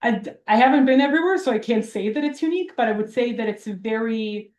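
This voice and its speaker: A researcher from Belgrade, Serbia, fields audience questions informally after a public lecture in a university hall, wry and self-deprecating. Her voice is on the high side and darkish in tone, and she speaks quickly. The room's acoustics are roomy.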